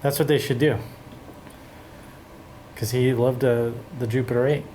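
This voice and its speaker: A man hosting a casual chat about synthesizers, relaxed and rambling with fillers and restarts. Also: medium pitch, a little slow, a little hiss or hum. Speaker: host of a synthesizer show.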